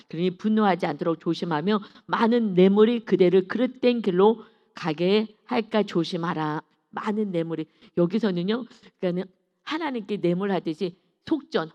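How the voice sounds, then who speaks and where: Woman preacher, emphatic and emotional, early-morning sermon in a church with long reverb and dull sound. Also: medium pitch. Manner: emotional, emphatic, swings from loud to soft. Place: church sanctuary.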